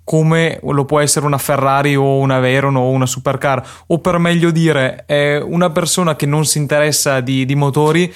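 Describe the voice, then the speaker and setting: A man with a persistent cough, chatting hesitantly as a podcast co-host with frequent pauses. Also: a little high, fairly even intonation, smooth. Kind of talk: casual podcast discussion.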